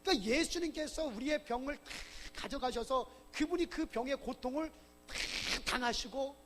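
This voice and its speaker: A man's voice: very high voice, moderate pace, a bit bright. A male pastor preaching a sermon, firing rhetorical questions at the congregation and answering them with emphasis. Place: church sanctuary. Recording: long reverb of a church hall.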